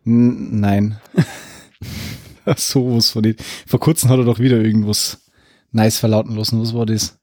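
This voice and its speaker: A man co-hosting a casual podcast, teasing his partner with quick quips. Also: fairly low pitch, flat delivery, a little mellow, no echo, clean studio sound. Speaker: podcast co-host. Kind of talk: casual banter.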